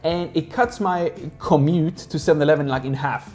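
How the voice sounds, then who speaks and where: This speaker grew up in Sweden and has a medium-pitched, slightly mellow voice at a moderate pace, with faint music in the background. They chat casually and ramble, leaning heavily on "like" as a filler.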